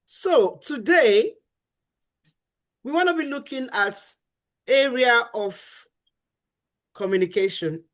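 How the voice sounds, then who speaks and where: Speaking slowly with long pauses, this middle-aged woman has a highish voice and lively intonation. She teaches about marriage on a faith-based talk show in an earnest, emphatic way, repeating her main phrases and acting out what spouses say.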